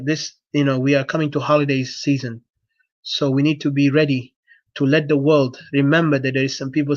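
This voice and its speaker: Speaking English as a second language with a South Sudanese accent, a man gives an off-the-cuff political address to his supporters, earnest, urging and repetitive. His pitch is medium, with no echo and the high frequencies cut off.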